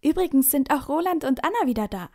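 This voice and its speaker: A woman's voice: high voice, expressive, fast, a little mellow, pitched above the performer's own voice. A woman voicing a cheeky, chatty young boy in a children's story reading. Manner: chatty, teasing.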